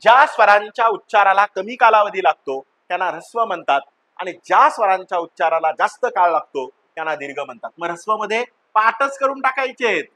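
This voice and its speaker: High, bright-voiced male teacher. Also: expressive, a little fast. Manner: chanting the vowels one by one, addressing students as children; repeats questions and answers them himself. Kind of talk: classroom-style grammar lesson.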